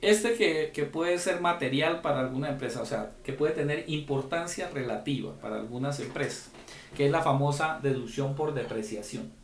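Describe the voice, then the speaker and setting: A man's voice: on the high side, moderate pace, reverberant, slight background noise. A man giving a conference lecture on tax rules, explaining step by step and often checking in with the audience. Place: conference room.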